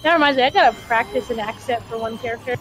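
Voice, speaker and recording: A woman from Florida chatting casually with friends, making goofy dark jokes. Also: on the high side, fast talker, faint music behind, low-quality recording. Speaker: streamer. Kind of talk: casual group chat.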